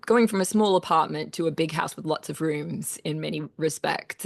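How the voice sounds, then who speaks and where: A woman's voice: low-pitched, gravelly, no room sound. A woman composer with an Australian accent, giving a casual, chatty talk to a choir with plenty of fillers and self-deprecating asides.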